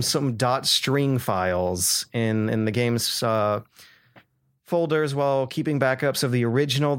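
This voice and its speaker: A man's voice: mid-range voice, smooth, dry recording. Man chatting on a podcast, dry sound. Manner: rambling, laughing, many restarts. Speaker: podcast co-host. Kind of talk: casual chat.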